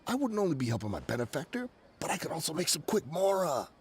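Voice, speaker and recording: A shifty ex-mercenary smuggler in a video game. His pitch leaps all over as he wheedles, pleads and dodges in slangy talk, with loud music underneath. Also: sing-song, breathy edge, heavily acted. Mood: nervous, bargaining. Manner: fast-talking, pleading, slangy. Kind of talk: scripted video game dialogue.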